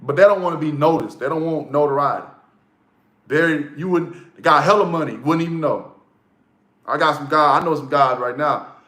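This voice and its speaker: Brief: man, fairly high voice, casual motivational vlogger, blunt and profane, echoey room. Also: moderate pace, fairly bright tone. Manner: blunt, profane, repeats key lines for emphasis.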